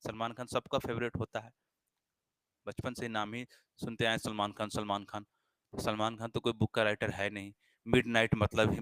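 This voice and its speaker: A man teaching a live online class, animated and playful, now and then scolding students for their comments. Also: lowish voice, clean tone, no echo, studio quality.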